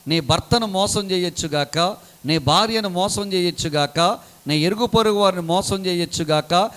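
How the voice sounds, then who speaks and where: A man preaching a sermon dramatically, swinging between loud calls and low, quiet asides. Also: smooth.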